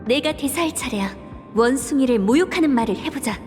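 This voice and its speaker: A woman's voice: high voice, lively intonation, a little fast, darkish tone, faint music behind. A woman playing a young performer's scheming inner thoughts in a video game, with a reverb effect. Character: young female performer plotting insults in thought. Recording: long hall-like reverb.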